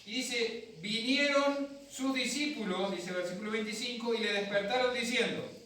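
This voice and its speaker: In an echoey church hall recorded from a distant mic, a male pastor with an Argentine accent tells his sermon as a story and performs voices for the congregation. His voice is very high-pitched and sharp, moving at a moderate pace, with a little hiss or hum.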